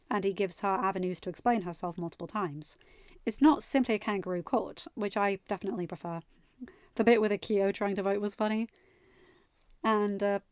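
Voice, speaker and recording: With a medium-pitched, smooth voice, this woman reads a story as narrator and host of a podfic, now and then talking casually to her audience. Quiet music runs beneath a dry, slightly muffled recording.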